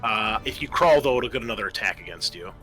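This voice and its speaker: A man acting as game master for a tabletop roleplaying session narrates and explains rules conversationally, working out rulings as he goes. His bright, forward voice is fairly low-pitched and expressive, and he talks fast. Music plays faintly behind him on a rough recording.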